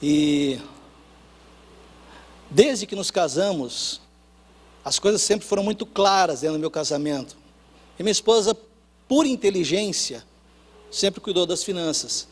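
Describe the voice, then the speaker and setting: A man with a Brazilian Portuguese accent preaching a sermon, telling a personal story with acted dialogue and swinging from hushed lines to loud, rising ones. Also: high-pitched, lively intonation, unhurried, pauses often. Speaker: pastor.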